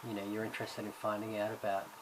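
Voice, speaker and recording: Fast and monotone, a lowish-voiced man delivers a recorded course introduction as subject coordinator. He comes from Ireland but grew up in Australia, and his talk is hesitant, with many fillers and restarts. Background noise is in the recording.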